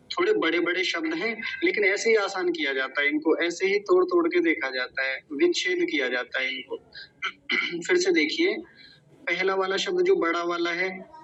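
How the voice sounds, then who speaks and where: A man with a high, light voice leads a slow pronunciation lesson, taking his time over every word. He patiently splits long terms into syllables and repeats them one by one. The recording sounds dull and lo-fi. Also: a bit bright. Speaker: Sanskrit recitation teacher.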